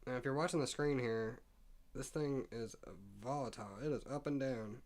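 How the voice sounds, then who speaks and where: A man with a mid-range, slightly mellow voice, speaking at a moderate pace, hosts a casual stock market live stream. He thinks aloud while reading prices and figures off the screen, stumbling and tossing in asides, and he keeps hiccuping.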